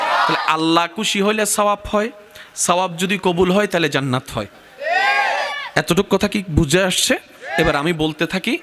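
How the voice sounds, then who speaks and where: A man preaching a sermon, building to shouted peaks and calling on the crowd to answer him. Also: a little high. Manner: rousing, swings to shouted climaxes. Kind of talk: sermon with crowd call-and-response. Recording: loud crowd and heavy noise at a religious gathering. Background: large crowd.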